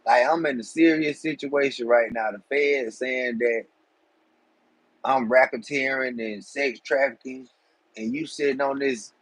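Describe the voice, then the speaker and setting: A man's voice: medium pitch, fairly even intonation, unhurried, no room sound, low-quality recording. A man, hosting a casual live stream and chatting loosely with viewers in streetwise slang. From Georgia, USA. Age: 40s. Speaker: livestream host.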